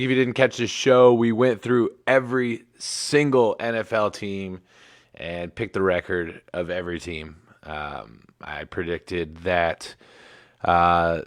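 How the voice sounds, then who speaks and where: A man's voice: deep voice, no echo, studio quality. A man in his thirties hosting a casual livestream sports show, laid-back and rambling with plenty of fillers. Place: home in Michigan.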